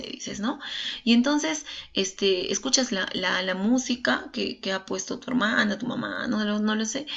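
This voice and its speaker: A woman's voice: mid-range voice, vocal fry, fairly bright tone. A woman teacher giving an online class, chatty and full of fillers and tag questions, a little nervous. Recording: dull lo-fi online class audio.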